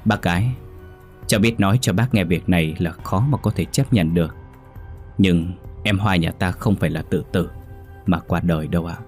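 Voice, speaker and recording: A man's voice: low voice, moderate pace, a little mellow, faint music behind, lightly acted. A man voicing an earnest young man who explains his suspicions respectfully. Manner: careful, respectful.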